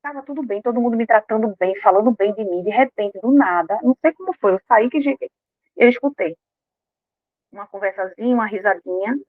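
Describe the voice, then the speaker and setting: A woman talks informally to a live audience, animated and slipping into little acted voices. Her voice comes through thin and phone-like, with a dry sound and no room echo. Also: mid-range voice, fairly quick. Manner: animated, acts out quoted inner voices. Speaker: speaker on emotional health.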